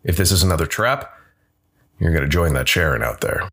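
A man's voice: a bass voice, sing-song, fairly quick, gravelly, a bit bright, full character voice. A man doing a curt, threatening bounty hunter. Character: hard-bitten male space bounty hunter, terse. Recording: background music under the voice.

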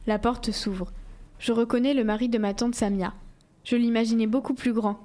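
A woman reading a first-person novel aloud in a steady, measured storytelling voice. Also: fairly high pitch. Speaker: audiobook reader.

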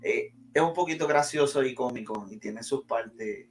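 A man's voice: mid-range voice, normal speed, faint music behind. A man hosting a casual anime discussion, steering the talk with questions in a conversational way. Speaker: host.

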